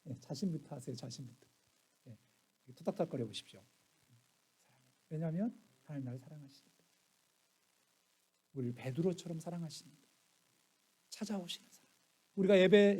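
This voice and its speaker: A middle-aged male pastor delivers a sermon in a voice that's high for a man yet mellow and warm. He tells stories and acts out family members' quotes, swinging from near hushes to loud bursts.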